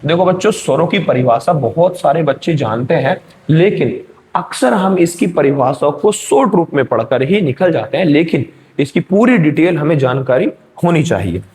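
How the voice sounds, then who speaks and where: Man, teacher, fairly high voice, exam-prep grammar lesson, step-by-step explaining, checks in with students. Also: animated, normal speed, darkish tone.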